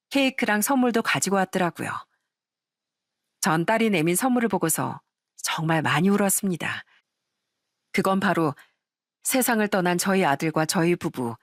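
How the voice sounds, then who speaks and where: A woman reading a first-person life story in a calm, earnest scripted narration. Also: lowish voice, no echo, studio quality.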